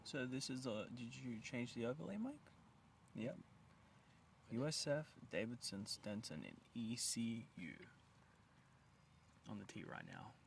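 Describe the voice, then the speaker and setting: A man's voice: mid-range voice, sing-song, unhurried, gravelly, long pauses, recorded from a distance, slight background noise. A man giving easygoing play-by-play in casual live golf commentary outdoors on a course.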